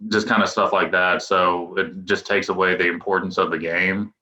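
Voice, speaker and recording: A man in his twenties, a professional pitcher, chatting loosely as a podcast guest with restarts and chuckles. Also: level tone, moderate pace, pushed and bright. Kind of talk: casual podcast interview. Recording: echoey room, dull lo-fi sound.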